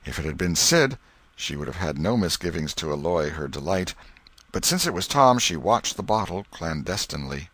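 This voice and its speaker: Low-voiced man reading a story, lively intonation. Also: moderate pace, breathy edge, no room sound. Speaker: audiobook reader. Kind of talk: expressive storybook narration.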